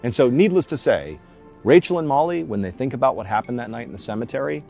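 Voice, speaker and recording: Animated man telling creepy stories over music. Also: mid-range voice, fast, gravelly. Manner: conversational, emphatic, suspense-building. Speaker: storyteller, host of a story show. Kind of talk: informal, dramatic spoken storytelling of creepy true tales.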